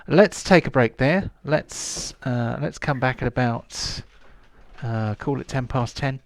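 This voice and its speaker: Brief: male game master narrating a tabletop game, mid-pitched and halting, recorded dry. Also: no room sound. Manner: halting, many fillers.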